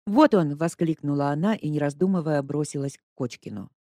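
Expressive audiobook narrator, dry sound. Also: mid-range voice, a little fast, dry recording. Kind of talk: scripted narration.

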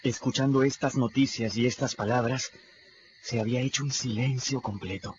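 In a radio drama, an actor plays a plain-spoken, restless teenage runaway narrating his own story in a casual, folksy way. His medium-pitched voice is a little mellow and fairly even at a moderate pace, lightly acted, with slight background noise in a muffled recording with music.

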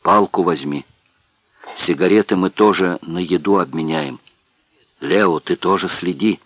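Male reader doing a worn-out, stubborn prisoner, hushed and urgent, very deep. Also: unhurried, dry recording, dull audio.

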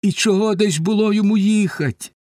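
Man doing an anguished queen, high lamenting voice, slow dry audiobook. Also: no room sound. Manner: raised, lamenting verse delivery. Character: grieving middle-aged queen woman, anxious and reproachful.

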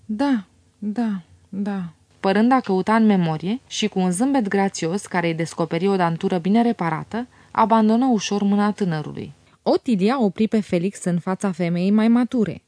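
A woman narrating a classic novel as an audiobook, in a measured, even reading on a close mic. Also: medium pitch, dry recording.

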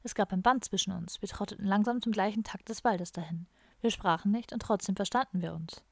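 A woman's voice: mid-range voice, fairly quick, vocal fry, a little mellow, dry recording. Woman voicing a chatty, dreamy hippie man. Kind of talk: audiobook character voice.

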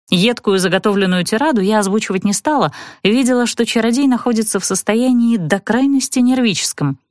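Expressive woman audiobook narrator. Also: medium pitch, no echo, studio quality. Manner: expressive storytelling. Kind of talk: first-person audiobook narration.

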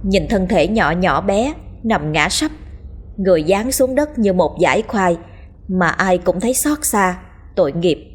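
A woman's voice: on the low side, expressive, a little slow, slight background noise. A woman narrating a horror story in a dramatic storytelling manner.

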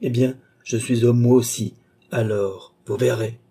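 Storybook doctor, read by a man: grave, commanding, dark husky tone. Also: mid-range voice, fairly even intonation, a little slow. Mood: vehement. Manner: solemn, commanding exhortation. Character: stern older male doctor, grave moralist. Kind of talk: audiobook character voice.

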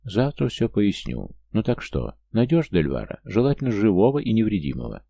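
Brief: male reader as a commanding count, firm, low, gravelly. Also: wildly swooping pitch, normal speed, dark tone, dry recording, exaggerated voice. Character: male count giving orders over a communicator, firm. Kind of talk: audiobook character voice.

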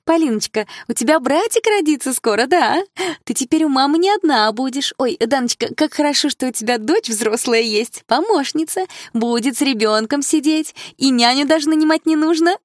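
A woman's voice: high-pitched, expressive, normal speed, no room sound, studio quality, pitched above the performer's own voice. A woman voicing a gossipy elderly woman with a sugary, nosy way of talking. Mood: chirping sugary. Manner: chirping, syrupy, nosy.

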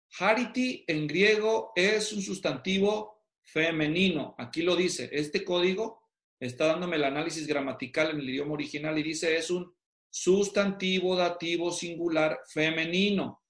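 Guy teaching bible study in an echoey hall, slow and careful, keeps asking the class questions. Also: on the high side, fairly bright tone. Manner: explains step by step, quizzes the audience.

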